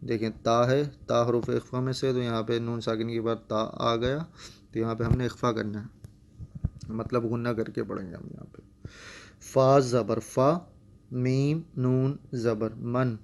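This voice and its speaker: Male online Quran tutor, mid-pitched and monotone, patient syllable-by-syllable drilling. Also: gravelly, clear, resonant tone. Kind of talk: recorded Quran reading lesson.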